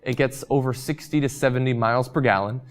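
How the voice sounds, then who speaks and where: A man's voice: medium pitch, quick pace. A young man hosting a show and chatting casually through viewer comments, losing his voice, with frequent ums and uhs. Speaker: host.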